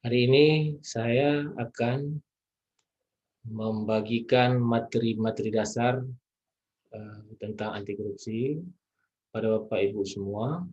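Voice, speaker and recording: A man from East Aceh gives a measured recorded lecture on anti-corruption, pausing often with filler sounds. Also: lowish voice, steady tone, a little mellow, dull audio. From East Aceh, Indonesia. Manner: measured, with frequent hesitation fillers.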